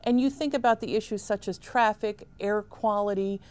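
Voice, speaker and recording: A woman in her fifties speaks as a town official in a small studio interview set. Her delivery is measured and emphatic, at an ordinary middle pitch. She is picked up cleanly by a lapel mic. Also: a little mellow, smooth. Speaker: town supervisor.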